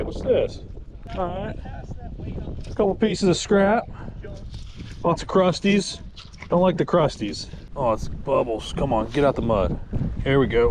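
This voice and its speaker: Excitable young man, windy bridge. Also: medium pitch. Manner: excited, says dude and bro a lot, thinks aloud. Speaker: magnet fishing channel host. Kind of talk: casual running commentary. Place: outdoors on a bridge over a river in strong wind. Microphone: first-person body-worn action camera. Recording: wind noise on an outdoor action camera. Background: wind noise.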